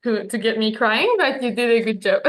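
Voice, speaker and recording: A woman with a French accent speaks on stage after being honored. Her voice sits somewhat high. English is not her first language, so she fills pauses with "uh" and "like" and sometimes searches for the right word. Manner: searches for English words, many fillers, soft laughs. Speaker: honoree giving a speech. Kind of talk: stage acceptance speech.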